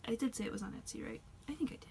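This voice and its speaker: In her vlog, a woman who collects dolls rambles self-consciously, laughing softly, her fairly high voice gravelly and worn as she starts losing it. She speaks at a racing pace, and a little hiss or hum is audible.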